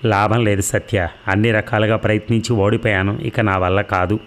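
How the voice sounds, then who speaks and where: Young man in a storybook, firm but regretful, as the narrator reads him, low voice. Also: little pitch movement, moderate pace, natural voice. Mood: troubled. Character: young man torn, devoted to his mother.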